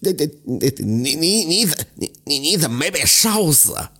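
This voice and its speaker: A man's voice: medium pitch, very animated, moderate pace, husky. A man doing a sneering greedy young villain. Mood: terrified. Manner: sneering, then stammering in terror. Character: scheming young man, greedy, bullying stepson.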